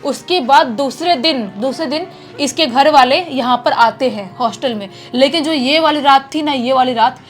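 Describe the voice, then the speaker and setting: Woman, casual storytelling, high pitch, faint background music. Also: moderate pace. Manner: chatty, repeats words for effect. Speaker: horror storyteller.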